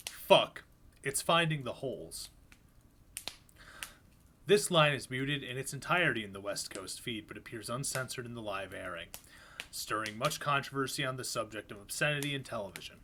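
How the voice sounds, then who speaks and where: A man doing a live reading of horror fiction, narrating in a low-key, even voice with casual asides between pieces. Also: a little hiss or hum. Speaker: reader.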